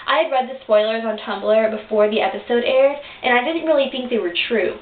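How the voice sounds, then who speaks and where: A woman's voice: a little high, brisk. A young woman gushing about a cartoon episode in a casual fan review, with lots of fillers and restarts. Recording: tinny lo-fi webcam audio in an echoey room with hiss.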